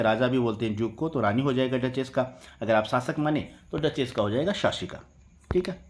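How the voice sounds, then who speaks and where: A man giving an English vocabulary lesson. His pitch is mid-range for a man. He spells each word slowly and repeats every term twice. After each point he checks in with the class. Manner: spells words out letter by letter, repeats "ठीक है". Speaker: teacher.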